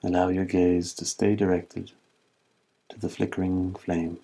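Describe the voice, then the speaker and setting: With a low, creaky voice, a male teacher guides listeners through meditation. His phrases are calm and measured, separated by long pauses.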